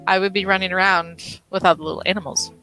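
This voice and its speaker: Bright chatty woman co-host, casual stream talk, soft music behind. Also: lowish voice, fairly even intonation, fast talker, poor audio. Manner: chatty, with frequent restarts and fillers. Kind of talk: casual chat while watching gameplay.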